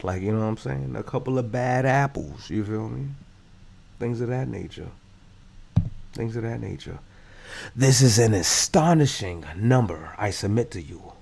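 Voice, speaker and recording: A man's voice: lowish voice, vocal fry, a little mellow. A man giving slangy, laid-back commentary while reading a news story aloud. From Brooklyn, New York. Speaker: commentary host.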